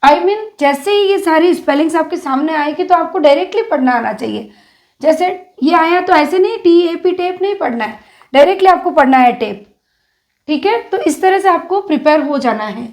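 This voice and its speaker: A woman's voice: high-pitched, lively intonation. A young woman with an Indian English accent teaching children phonics, spelling words out letter by letter in a patient, coaxing way. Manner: slow, drawn-out letter-by-letter spelling.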